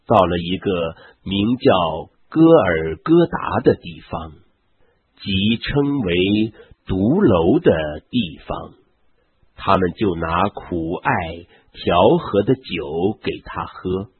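A man reads a Bible passage in a husky, low voice. His pitch rises and falls widely while his pace stays unhurried. The sound is dry and narrow, like a phone line. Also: animated, no echo. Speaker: scripture reader.

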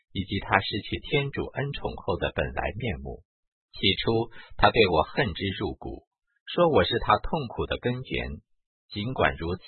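Man, deep voice, very husky, lively pitch, reading a spiritual memoir, tinny phone-like sound. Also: no room sound. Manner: measured first-person reading. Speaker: reader. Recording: tinny narrow-band recording.

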